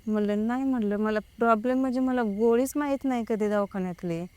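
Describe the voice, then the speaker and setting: A woman's voice: a little high, brisk, darkish tone, clean tone, no room sound. A young woman, recounting her own experience in casual speech and quoting the people involved. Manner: retells with many quoted exchanges. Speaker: guest telling her experience. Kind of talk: casual spoken account.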